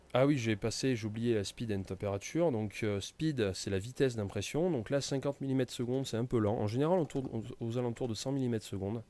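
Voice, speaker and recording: A man walks through software settings in a casual tutorial, with many hesitations and fillers. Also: medium pitch, moderate pace. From France. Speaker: tutorial presenter. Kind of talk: screen-recorded software tutorial.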